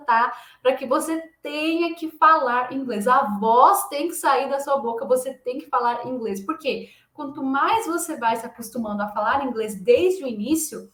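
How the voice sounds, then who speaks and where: Brazilian lady teacher giving a pep-talk lesson, kinda high voice, pushy and emphatic, roomy echo. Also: fairly bright tone. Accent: Brazilian Portuguese. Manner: emphatic, insistent, tags sentences with questions. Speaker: English teacher. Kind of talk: motivational online lesson.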